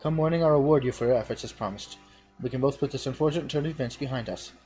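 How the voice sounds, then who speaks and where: A man's voice: medium pitch, racing, darkish tone, faint music behind, natural voice. A man voicing a fretful innkeeper in a video game, reading the lines in an indignant, apologetic way. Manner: indignant, apologetic tavern talk. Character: fretful innkeeper bemoaning cursed cheese. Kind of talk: reading game dialogue aloud.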